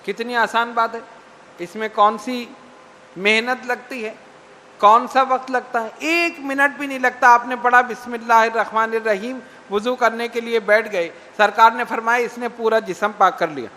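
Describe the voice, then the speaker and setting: A man preaching with a very high, bright voice. He delivers slow, emphatic lines and recites hadith. His voice echoes with a long reverb. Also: steady tone, a little hiss or hum. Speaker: Islamic preacher. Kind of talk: sermon.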